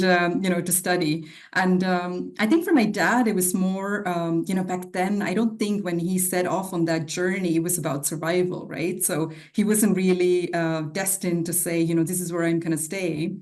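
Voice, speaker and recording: Reflective woman, lowish voice. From Switzerland. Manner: reflective, with many fillers. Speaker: guest, non-profit CEO. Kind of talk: casual interview talk.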